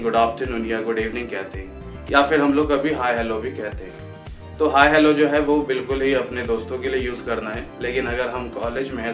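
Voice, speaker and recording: A man in his twenties from Patna, India, teaching how to introduce yourself in English and slowing right down for each example sentence. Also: medium pitch. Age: 20s. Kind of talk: Hindi-language lesson on English phrases. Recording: echoey room with faint music.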